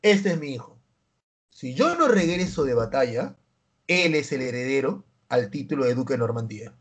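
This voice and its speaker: A man's voice: medium pitch, sing-song, moderate pace, lightly acted. A man voicing a brash, war-loving medieval duke who talks boastfully, within a history class. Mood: commanding.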